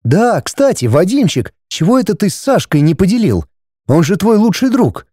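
A man putting on a haughty, shrill noblewoman. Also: sing-song, normal speed, warm tone, husky, no room sound, clean studio sound, exaggerated voice. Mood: curious. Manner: shrill, dismissive, indignant. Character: haughty scornful aristocratic wife and mother.

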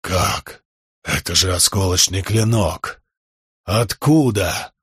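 A man's voice: low voice, slow, a bit bright, slightly rough, dry recording, clean studio sound, voice pushed down, full character voice. A man voicing a raging middle-aged noble father who roars and blusters. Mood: shaken. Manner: roaring, blustering.

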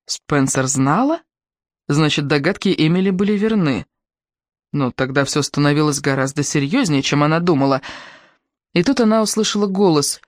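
An audiobook reader narrating a thriller in a tense, even manner. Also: medium pitch, moderate pace, no echo, studio quality. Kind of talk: scripted narration.

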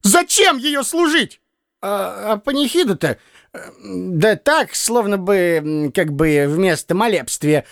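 Brief: man reading as a nagging, blundering old man for an audiobook, high, bouncy, fumbling his words, dry close sound. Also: lively intonation, slow, creaky, fairly bright tone, dry recording, full character voice. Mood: fussy. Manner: stammering, self-correcting, cackling.

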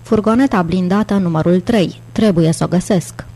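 A troubled male bank president who speaks with urgency and tension, as a woman reads him in an audiobook. the voice sits somewhat low. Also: mellow, soft background music. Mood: urgent. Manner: urgent, tense.

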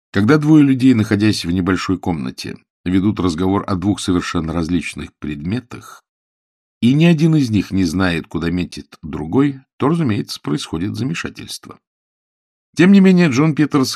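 Male storybook narrator, low-pitched, animated, recorded close and dry. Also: no room sound. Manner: expressive, animated reading. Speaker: audiobook narrator. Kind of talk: scripted narration.

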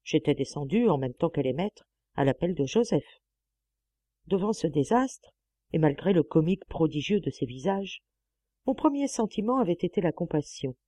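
A woman narrating a classic novel as an audiobook, with a measured, expressive reading on a close mic. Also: low voice, dry recording. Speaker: audiobook reader.

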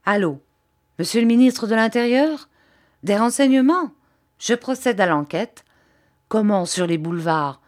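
A woman's voice: medium pitch, expressive, measured pace, long pauses, a little mellow, close to an everyday voice. A woman reading the part of a blustering male police prefect, giving urgent orders in raised, emphatic exclamations.

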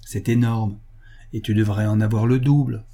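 A man's voice: lowish voice, steady tone, moderate pace, dark tone. A man voicing an old family lawyer and guardian who talks in a blunt, scolding, fatherly way, proud of old nobility.

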